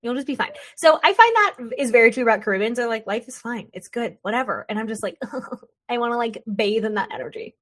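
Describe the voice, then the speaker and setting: A young woman hosting a podcast, chatty and animated, drifting into tangents and acting out quick voices. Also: fairly high pitch. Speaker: podcast host. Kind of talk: casual podcast conversation.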